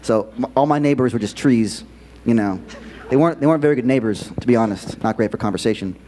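A man's voice: mid-range voice, a little hiss or hum. A man giving a keynote talk to students in a school auditorium, speaking conversationally with lots of fillers. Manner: animated, quick conversational delivery with many fillers. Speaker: keynote presenter.

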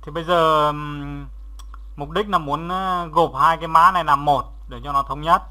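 A man with a steady, slightly high voice narrates a step-by-step software tutorial as an instructor. His delivery is halting and instructional, and he repeats the steps as he goes.

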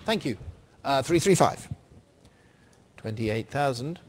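A man's voice: medium pitch, lively intonation, takes it slowly, noisy background. A middle-aged man working as a fine art auctioneer, calling bids in short, formal, repeated phrases. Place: large indoor auction saleroom.

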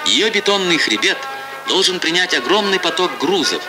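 A man's voice: high-pitched, big pitch swings, moderate pace. A man narrating an old Soviet newsreel in a solemn, declamatory, scripted way, on a 1960s film soundtrack. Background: music.

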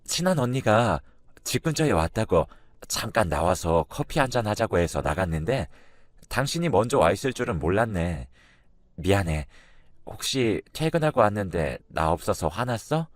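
A man's voice: medium pitch, sing-song, normal speed, pauses often, no room sound, studio quality. A man voicing a young wife who is tearful, defensive and pleading. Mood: coaxing.

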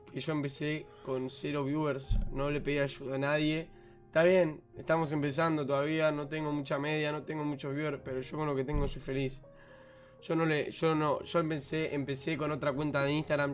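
Emotional high-voiced Argentine streamer. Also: male voice. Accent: Rioplatense Argentine. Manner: emotional, repetitive, keeps saying "amigo" and "boludo". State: holding back tears. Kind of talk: heartfelt talk to viewers.

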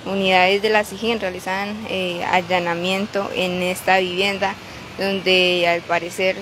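A woman reporting live from a city street as a local news reporter, pausing often with filler sounds. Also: lowish voice, level tone. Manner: halting, many filler "eh"s. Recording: street noise behind the voice. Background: traffic and street noise.

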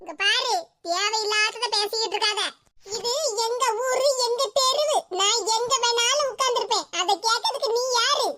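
A woman's voice: very high-pitched, moderate pace. Woman doing a bossy mocking village auntie. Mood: scornful. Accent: Tirunelveli Tamil. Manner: taunting, sing-song teasing. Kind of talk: cartoon comedy voice acting. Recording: loud background hiss.

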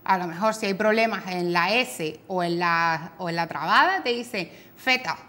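A woman with a Canary Islands Spanish accent, a speech therapist explaining disorders in a patient, clear way on a talk show, sometimes imitating children's mispronunciations. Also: on the low side, moderate pace, bright, forceful tone.

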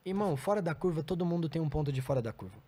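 A man's voice: on the high side, lively intonation, very fast, warm tone, breathy edge. A man telling blunt, profanity-filled stories in a casual podcast chat. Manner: blunt, profane, heated storytelling. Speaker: comedian guest.

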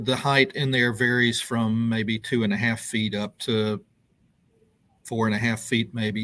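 A middle-aged man, a news reporter, explaining things over a video call in a loose, halting way with many ums and restarts. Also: mid-range voice, fairly bright tone. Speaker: news reporter interviewed as guest. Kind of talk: conversational explanation on a live web show. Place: indoor room with brick wall. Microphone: video call webcam.

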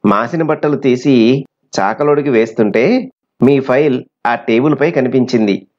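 A man's voice: mid-range voice, darkish tone, close to an everyday voice. A man voicing a forgetful middle-aged mother who explains herself apologetically. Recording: slightly muffled recording.

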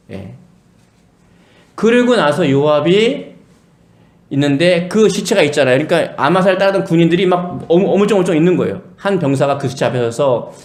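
A man's voice: medium pitch, a little mellow. A male pastor preaching a sermon, telling a Bible story and acting out the voices of its figures. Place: church sanctuary. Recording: echoey church hall.

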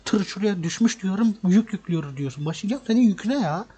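A man's voice: sits high, lively intonation, fast talker, warm tone, slightly rough. A man hosting a truck-game role-play, ranting angrily, swearing and repeating himself out of frustration. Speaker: gaming channel host. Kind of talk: role-play gameplay commentary.

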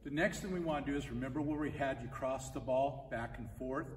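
A man's voice: medium pitch, fairly quick, heavy background noise. An older man coaching basketball drills in a large indoor gym, talking plainly and repeating his points, picked up by a camera at a distance. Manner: plain, repetitive coaching talk, often raised while dribbling. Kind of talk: instructional demonstration. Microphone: camera mic at a distance. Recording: echoey gym from far off. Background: basketball bouncing.

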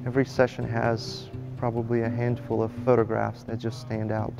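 A man's voice: medium pitch, completely flat delivery, moderate pace, vocal fry. A man from Slovakia, a legislative photographer, speaking earnestly in a documentary interview. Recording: interview with music underneath.

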